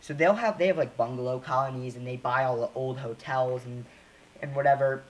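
Young man telling animated stories, casual chat. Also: medium pitch, rough recording. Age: young adult. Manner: animated storyteller, quick asides and restarts.

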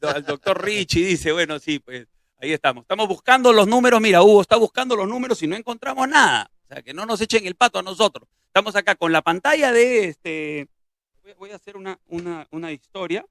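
A man's voice: sits high, animated, brisk, a bit bright, no echo, clean studio sound. A man hosting a live show in casual chat, repeating short phrases insistently. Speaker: host of a live prank-call show.

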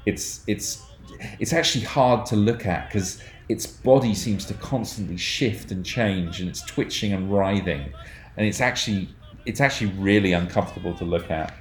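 A man narrating as game master of a tabletop horror game, describing scenes in a halting way with many fillers. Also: lowish voice. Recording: roomy echoey recording.

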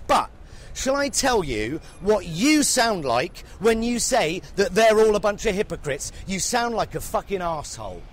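A man doing a furious sweary English reporter. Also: high voice. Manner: angry, sarcastic, swears heavily, shouts at times. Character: furious foul-mouthed male TV reporter ranting. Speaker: satirical reporter character. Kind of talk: comedic rant.

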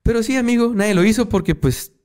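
A man's voice: high voice, fast, a little mellow. A man with a Mexican accent telling a story as a podcast host in casual, slangy talk full of swearing.

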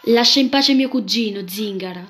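A woman voicing a jealous older noblewoman who shouts angry accusations, with music playing behind. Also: medium pitch, moderate pace, close to an everyday voice. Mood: furious. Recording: background music throughout.

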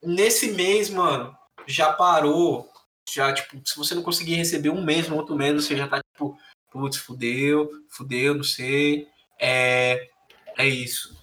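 A man's voice: on the high side, fairly even intonation, unhurried, pushed and bright. A young Brazilian man with a Brazilian Portuguese accent, co-hosting a casual chat in a slangy, rambling way. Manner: slangy, rambling, lots of filler. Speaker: podcast co-host.

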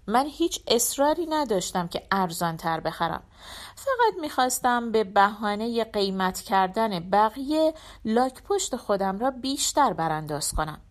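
A woman narrating a first-person short story in a reflective, expressive reading style. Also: medium pitch. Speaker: audiobook narrator.

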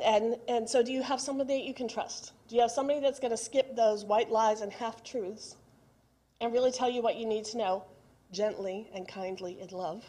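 A woman's voice: fairly high pitch, darkish tone. Woman preaching a casual sermon. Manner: conversational, asks the congregation direct questions. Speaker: pastor.

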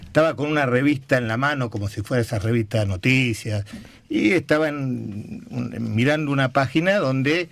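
Halting Argentine man, radio guest. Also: medium pitch, dry recording. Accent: Argentine Rioplatense Spanish. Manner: halting anecdote teller, repeats words. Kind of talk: casual radio interview.

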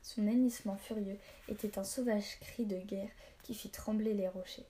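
A woman reads an adventure novel aloud with a mellow, warm tone at a middle pitch. Her delivery is steady and storytelling, with small slips she goes back to correct. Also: moderate pace. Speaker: narrator.

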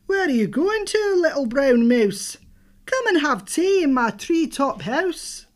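A woman's voice: sits high, big pitch swings, unhurried, pitched above the performer's own voice. A woman voicing an eager, hooting owl in a children's storybook, with an exaggerated manner. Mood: inviting.

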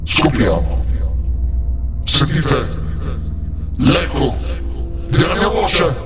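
A man's voice: a little high, very animated, drawn-out words. A man showing off a voice-changer app, his voice run through an echo filter. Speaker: app reviewer. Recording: echoey filtered voice over loud music.

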